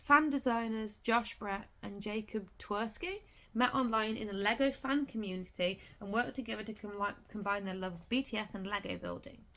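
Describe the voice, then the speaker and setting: A woman's voice: medium pitch, pushed and bright. A woman reading a booklet aloud in a casual vlog, stumbling over words and breaking off to swear. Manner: reads haltingly with restarts and swears in sudden outbursts. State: has the hiccups.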